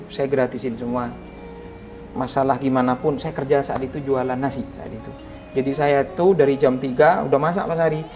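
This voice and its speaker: Earnest man telling an emotional story. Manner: earnest storyteller, voice rising high when recalling prayers. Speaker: ustadz guest. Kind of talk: emotional personal story in an interview.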